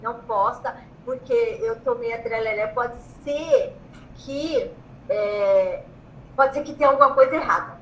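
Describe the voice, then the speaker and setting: A woman with a Brazilian Portuguese accent, telling her own story in an interview. She talks excitedly, repeats phrases and acts out what she once shouted. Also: on the high side, measured pace, echoey room, dull audio, slight background noise. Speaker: interviewee, law graduate who passed the bar exam. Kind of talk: emotional personal storytelling.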